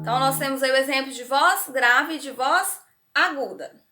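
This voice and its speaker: High bright-voiced Brazilian teacher. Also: female voice, moderate pace, echoey room, faint music behind. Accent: Brazilian Portuguese. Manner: patient, repetitive explaining with frequent "né?" and "certo?". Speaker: primary school science teacher. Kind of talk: recorded remote class lesson.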